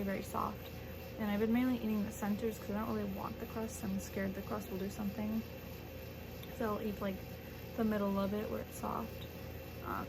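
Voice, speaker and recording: Young woman vlogging casually, noticeable background noise. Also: mid-range voice. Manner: rambling, conversational. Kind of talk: casual chat, recovery update to camera. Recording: clearly noisy home camera recording.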